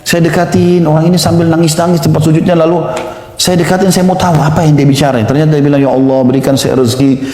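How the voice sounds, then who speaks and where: A male preacher telling a story in a sermon, retelling it in lively fashion with quoted dialogue. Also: a little high, fast. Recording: echoey hall reverb.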